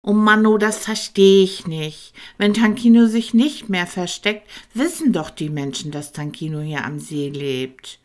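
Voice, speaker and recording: A woman's voice: mid-range voice, unhurried, hardly any pauses, pitched above the performer's own voice, lightly acted. A woman voicing a small, friendly young male dragon in a children's audiobook, who keeps saying "oh Mann, oh" and talks about himself by name. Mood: indignant.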